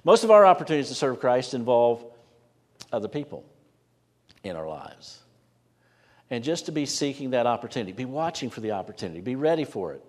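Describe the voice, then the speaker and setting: A man preaching a sermon as pastor, earnest and plain-spoken, often dropping to a hushed voice for emphasis. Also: medium pitch, big pitch swings, a little fast, pauses often. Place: church sanctuary. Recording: preached in a reverberant church sanctuary.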